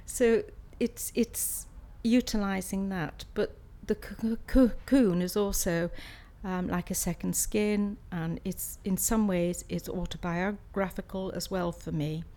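Being interviewed, a Swansea woman in her sixties who studies art and works as an artist responds in a conversational, slightly hesitant way. She speaks in a mellow, medium-pitched voice with a steady tone, measured pace and few pauses.

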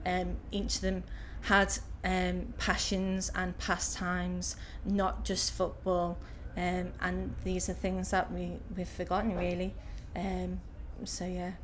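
A woman in her thirties with a Liverpool accent gives casual interview answers, pausing often with ums. Her voice sits a little low. Faint noise hums behind her. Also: monotone. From Liverpool, England. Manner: hesitant, many filler ums.

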